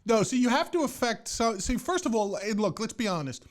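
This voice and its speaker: A man co-hosting a casual comedy chat, giving mock-serious advice in an animated way. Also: very high-pitched, a little fast. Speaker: podcast co-host.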